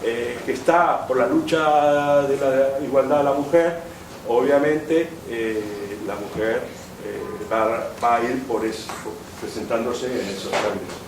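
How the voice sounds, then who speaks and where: Recorded from a distance in an echoey lecture hall with background noise, a man with a mid-range, unhurried voice delivers an academic lecture. He's discursive, keeps restating his points, and hesitates frequently with "eh."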